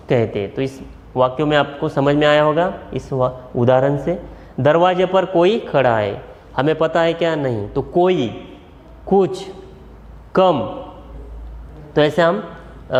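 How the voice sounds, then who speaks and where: A male school teacher with a Marathi accent, giving a grammar lesson and repeating each example slowly, step by step. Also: fairly high pitch. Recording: echoey room with long reverb.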